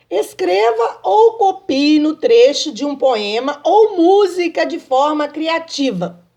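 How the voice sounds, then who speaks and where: Slow high-voiced woman teacher. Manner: slow, patient, sing-song teacher talk with frequent checks. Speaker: primary school teacher. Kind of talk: remote lesson to children.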